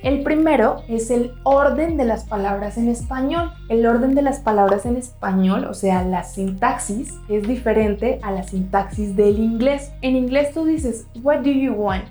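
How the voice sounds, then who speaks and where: High-voiced Spanish teacher, echoey room. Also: female voice, mellow, soft background music. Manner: clear, slow demonstrative pronunciation, repeating words. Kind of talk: online language lesson.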